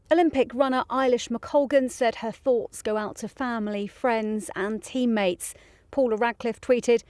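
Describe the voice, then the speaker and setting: A woman news reporter giving an earnest, measured field report. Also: a little high, a little mellow, dry recording.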